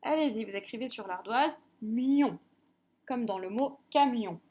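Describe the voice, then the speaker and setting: Slow, high-voiced French schoolteacher. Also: female voice, a little mellow. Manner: slow, clearly articulated, drawing out sounds. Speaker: primary school teacher. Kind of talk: reading lesson for young children.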